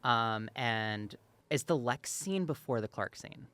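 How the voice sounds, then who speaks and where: Bright, animated podcast co-host. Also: medium pitch, slow pace, clean tone, no echo. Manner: animated, laughs often, swears casually. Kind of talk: casual chat.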